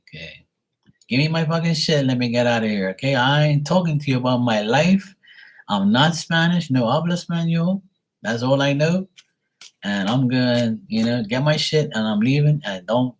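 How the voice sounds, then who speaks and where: A man from Bermuda, a tarot reader telling a rambling story on a live stream, blunt and swearing casually. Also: medium pitch.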